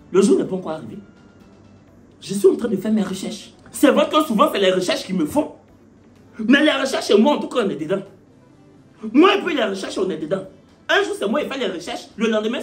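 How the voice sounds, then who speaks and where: A man's voice: high-pitched, a bit bright. A man doing stand-up, telling a story in a mocking manner with rhetorical questions. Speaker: comedian.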